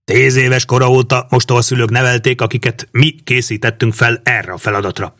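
A man's voice: medium pitch, fairly even intonation, a bit bright, no room sound, clean studio sound, close to an everyday voice. A man reading a cold, scheming mage. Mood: cold, explaining. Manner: measured, lecturing. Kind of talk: audiobook reading.

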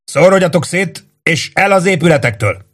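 A man reading an audiobook, voicing a gruff army first sergeant who shouts orders at his troops in a loud, raised voice. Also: on the high side, lively intonation, voice pushed up. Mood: commanding, shouting. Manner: barks commands, curses, loud and emphatic.

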